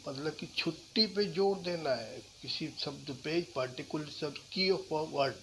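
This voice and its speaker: A man gives a spoken lesson as a life coach, explaining in plain, repetitive phrases. He talks slowly, in a somewhat raised register. A faint hum of room ambience sits behind his voice. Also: fairly high pitch, gravelly, fairly bright tone, poor audio. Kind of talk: spoken lesson on how to talk to people.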